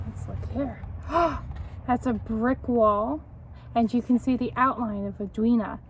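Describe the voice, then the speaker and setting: A woman reads a children's picture book aloud with expressive, encouraging warmth, like a teacher, stopping to ask young listeners questions. Her voice sits a little high, and there's a faint hiss or hum.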